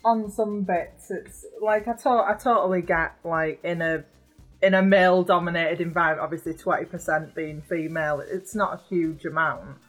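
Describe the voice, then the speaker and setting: Woman podcast co-host, lowish voice, earnest casual chat, faint music behind. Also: fairly even intonation, normal speed, rough recording.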